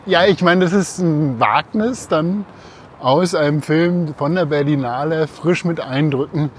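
A man's voice: on the high side, measured pace. A man co-hosting a podcast, explaining things casually while walking outdoors. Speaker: podcast co-host. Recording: faint outdoor ambient noise. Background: faint outdoor ambience.

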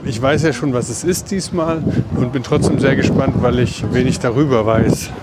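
Male podcast co-host, slightly low voice, casual walk-and-talk outdoors with clear city traffic noise. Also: normal speed. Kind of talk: casual chat recorded while walking. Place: outdoors on city streets, walking. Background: urban traffic noise.

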